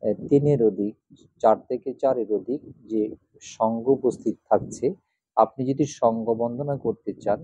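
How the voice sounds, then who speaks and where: Dark-voiced monk teaching Pali chanting. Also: male voice, on the low side, slightly rough, no room sound. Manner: slow, repetitive, demonstrating pronunciation line by line. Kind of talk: instructional talk with recited Pali chants. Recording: dull lo-fi sound.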